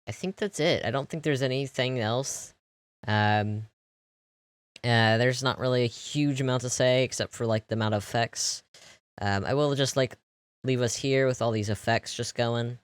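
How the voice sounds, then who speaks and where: A young man casually narrating a walkthrough of his game build, relaxed and rambling with lots of fillers. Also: medium pitch, moderate pace, no echo. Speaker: video creator.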